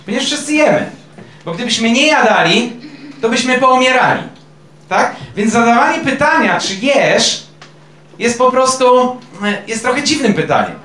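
A man's voice: very high voice, sing-song, moderate pace, bright, forceful tone. A male pastor preaching a sermon in a conversational way, quizzing his congregation with questions. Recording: echoey room.

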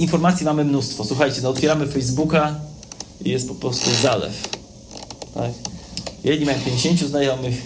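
A man preaching a sermon in a conversational way, often checking in with his listeners. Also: fairly high pitch. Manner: conversational, addresses listeners directly with frequent "tak?". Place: church hall with a live audience. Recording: echoey hall with background noise.

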